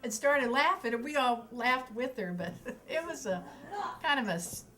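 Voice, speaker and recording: An older woman tells family anecdotes in a relaxed, chatty way. She laughs often and slips into the children's voices when quoting them. She sounds like a mother recalling her many kids. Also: fairly high pitch, normal speed, low-quality recording. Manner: lively, laughs often, acts out the kids' quoted voices. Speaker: mother of eleven telling family stories. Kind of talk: casual family storytelling.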